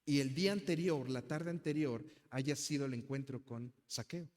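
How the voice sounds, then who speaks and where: A man's voice: medium pitch, moderate pace, a little mellow, in a large hall. A male pastor with a Mexican accent, preaching an emphatic sermon and addressing the congregation as brothers.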